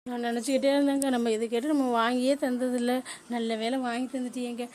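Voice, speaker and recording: A woman's voice: on the high side, flat delivery, fast, darkish tone, a little hiss or hum, close to an everyday voice. A woman voicing a greedy, scheming wife, in a cartoon drama. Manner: scheming asides.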